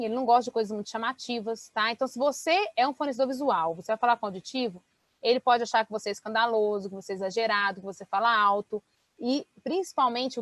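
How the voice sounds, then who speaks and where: A woman with a high voice gives a sales training talk, explaining each point with energy and checking in with her listeners as she goes. She is recorded close to the mic in a dry space with no echo. Her talk comes across as a practical lesson. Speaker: business mentor and speaker.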